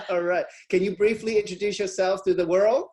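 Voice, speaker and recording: A man's voice: sits high, steady tone, moderate pace, a little mellow. A middle-aged man from Hong Kong hosting an online webinar over a video call, chatty and full of fillers and restarts. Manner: chatty, many fillers and restarts, frequent laughs. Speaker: webinar host.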